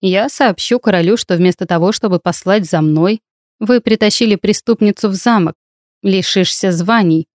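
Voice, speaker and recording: A woman's voice: mid-range voice, moderate pace, darkish tone, no room sound, clean studio sound, lightly acted. A woman playing a haughty male healer barking orders. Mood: haughty, pressing. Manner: curt, imperious orders. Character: arrogant male healer, vengeful and commanding.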